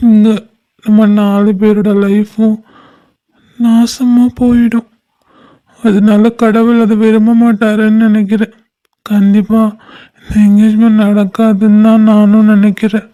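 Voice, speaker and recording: A woman's voice: mid-range voice, flat delivery, unhurried, pauses often, dark tone, lightly acted. A woman voicing a heartbroken, bitter young man in a homemade cartoon, with a brooding, reproachful way of talking. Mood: tender.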